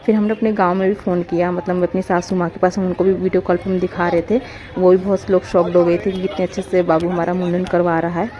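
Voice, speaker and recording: Soft-spoken low woman vlogging. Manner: heartfelt, rambling, addresses viewers as guys. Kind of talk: emotional casual vlog narration.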